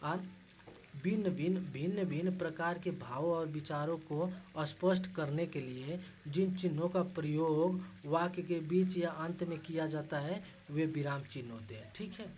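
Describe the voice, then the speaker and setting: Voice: mid-range voice, a little slow, darkish tone, a little hiss or hum, rough recording. A teacher working through exam questions, reading each one and then explaining it, answering their own questions and calling the listeners "guys". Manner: asks questions and answers them, repeats key terms; repeats the same point several times.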